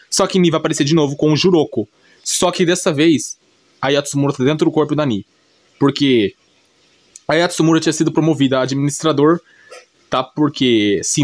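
In a dry recording, a man with a medium-pitched voice and a Brazilian accent narrates an anime recap for his video. His commentary is casual, unscripted, colloquial, and repetitive, with frequent little check-in tags.

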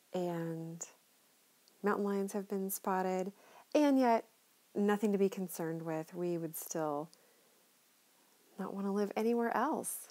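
A middle-aged woman narrates a neighborhood driving tour from inside a car. Her voice is mellow and warm, and her manner is chatty and enthusiastic. She talks like a friendly local guide. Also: mid-range voice.

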